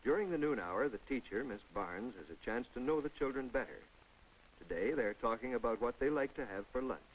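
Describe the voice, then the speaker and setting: This vintage 1950s film soundtrack carries a man's expressive, fairly quick mid-range voice over a bit of hiss or hum, and the recording quality is low. He narrates a scripted public information film in a homespun, instructive manner, dropping conversational asides to the audience.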